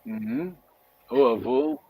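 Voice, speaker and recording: A man teaching an online language lesson, patiently repeating words slowly for his students. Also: mid-range voice, husky, dry recording, phone-quality sound.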